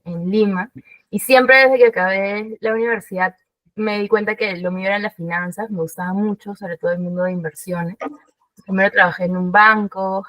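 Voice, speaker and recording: A woman's voice: on the low side, fairly bright tone, no room sound, far from the mic, rough recording. A Peruvian woman with a Lima accent, chatting as an interview guest with frequent fillers and English business terms. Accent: Peruvian Spanish. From Peru. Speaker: guest, investment director. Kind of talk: casual interview.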